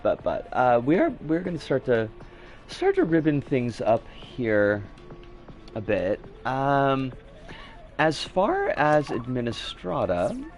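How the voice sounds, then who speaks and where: A man's voice: mid-range voice, darkish tone. A man chatting casually as a game streamer, with a sardonic, rambling, sweary manner. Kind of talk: casual livestream chat and commentary.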